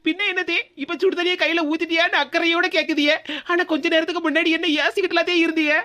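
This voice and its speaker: A woman's voice: very high-pitched, little pitch movement, fast talker, sharp tone. A woman voicing a put-upon young daughter-in-law in a cartoon, with a Tirunelveli Tamil accent and a complaining, plaintive manner. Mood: hurt. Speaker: cartoon voice actor. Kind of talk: comic cartoon voice acting.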